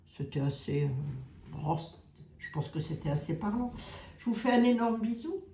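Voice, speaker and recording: A woman's voice: medium pitch, lively intonation, moderate pace, roomy sound, slight background noise. A woman with a Lorraine accent giving a chatty psychic card reading to her viewers, often tagging lines with "hein". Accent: Lorraine French. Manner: chatty, warm, peppered with "hein". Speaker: clairvoyant card reader.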